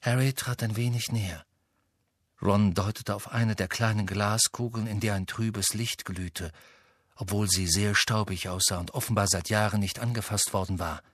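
A man reading a novel aloud as an audiobook narrator, in a measured storytelling manner. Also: fairly low pitch, fairly even intonation, a bit bright, dry recording, clean studio sound. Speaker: audiobook reader. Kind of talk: scripted narration.

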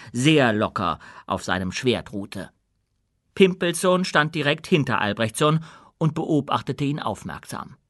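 A man narrates a fantasy audiobook in an even, measured manner. His voice is bright and clear, recorded close in a dry room. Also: medium pitch, dry recording. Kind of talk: scripted narration.

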